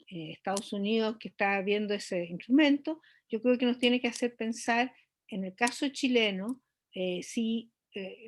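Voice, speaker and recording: A woman economist speaking as an interview guest, explaining at length with frequent hesitations and restarts. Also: a little high. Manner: measured, many hesitations and restarts.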